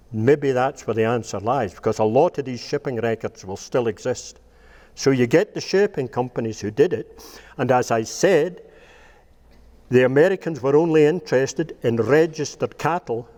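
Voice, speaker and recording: A man's voice: mid-range voice, darkish tone, long reverb tail. An older Scottish man giving a rambling, humorous talk to a live audience about his years as a cattle judge, laughing at his own jokes as he goes. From Scotland.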